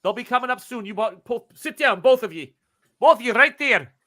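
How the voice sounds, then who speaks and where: A man's voice: animated, brisk, full character voice. A man voicing a suspicious, threatening cemetery watchman who barks orders at trespassers in a tabletop game. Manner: barking orders, loud and high-pitched.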